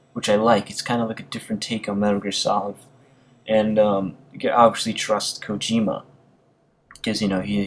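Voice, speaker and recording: A gaming video commentator with a lowish voice casually narrates gaming news and reads articles aloud. He hesitates often, with fillers and restarts. The recording quality is low.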